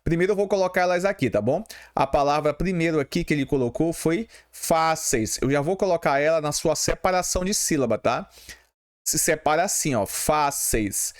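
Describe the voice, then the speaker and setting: Brazilian man teaching exam grammar, fairly high voice. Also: brisk. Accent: Brazilian Portuguese. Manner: patient, repeats key terms, checks in with "tá bom?". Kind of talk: explaining grammar questions.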